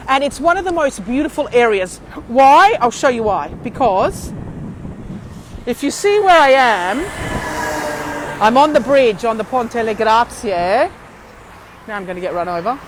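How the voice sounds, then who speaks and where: A middle-aged Australian woman with a fairly high voice hosts a live walking tour. She is effusive and theatrical with her endearments. She is recorded outdoors, with some wind and street noise around her. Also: animated, measured pace, pauses often, poor audio. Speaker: tour operator and live vlog host. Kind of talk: live walking-tour vlog chat to viewers. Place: outdoors on a city street and bridge.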